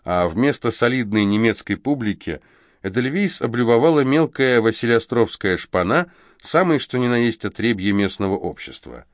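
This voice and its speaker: A man reading a novel aloud as audiobook narrator in a steady, even storytelling manner. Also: medium pitch, normal speed, no echo, studio quality. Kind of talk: scripted narration.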